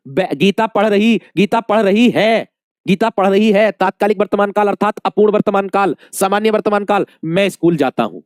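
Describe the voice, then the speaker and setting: A man's voice: high voice, clear, resonant tone, no room sound, clean studio sound. A male Hindi teacher giving an exam-prep lesson, calling his students dear friends, asking questions and repeating the answers many times.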